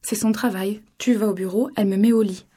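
A woman reading an audiobook, voicing a stubborn, upset four-year-old girl in a high, loud, insistent voice with whispered stretches. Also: steady tone, a little fast, husky, close to an everyday voice.

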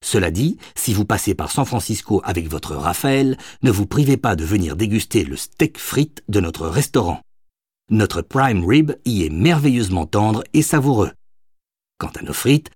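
A man voicing a grumpy, gruff middle-aged chef in an audiobook, reading his letter in a dry, formal, curt way. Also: lowish voice, darkish tone, dry recording.

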